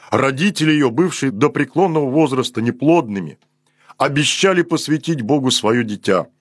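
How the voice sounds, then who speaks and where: A priest reads a sermon in a husky, slightly breathy man's voice of middling pitch. His delivery is slow and solemn, and each phrase settles downward at its end. The sound is close and dry, with no room around it. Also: dry recording.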